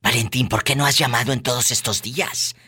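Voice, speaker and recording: A woman's voice: extremely low pitch, fairly even intonation, brisk, heavy background noise. A woman hosting call-in banter in a teasing, colloquial, exclamatory way. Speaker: radio show host.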